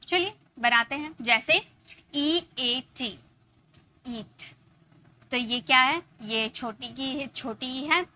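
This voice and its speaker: High bright-voiced woman teaching phonics. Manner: explains step by step, spells letters aloud, often says "okay". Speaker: English teacher. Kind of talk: casual teaching lesson.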